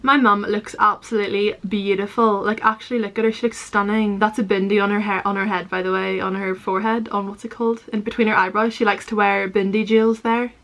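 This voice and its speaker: A woman's voice: mid-range voice, flat delivery, a little fast, few pauses, a bit bright. A young woman, chatting casually and self-deprecatingly as she reacts to old TV footage of herself. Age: young adult. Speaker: vlogger.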